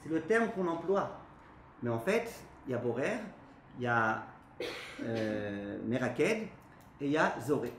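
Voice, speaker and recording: A man, a rabbi, giving a lively spoken lesson to a class, often asking his listeners questions and then answering them himself. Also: medium pitch, unhurried, long pauses. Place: classroom with a live audience. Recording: echoey room, faint background noise.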